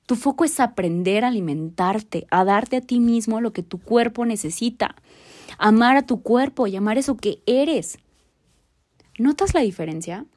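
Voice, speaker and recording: Addressing the listener directly, a motivational podcast host talks in an earnest, reflective way. She has a mid-range voice with a darkish tone.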